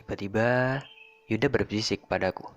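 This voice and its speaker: Low-voiced man telling a horror story. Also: normal speed, dull audio, a little hiss or hum. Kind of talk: casual horror story narration. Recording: faint music underneath. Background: faint background music.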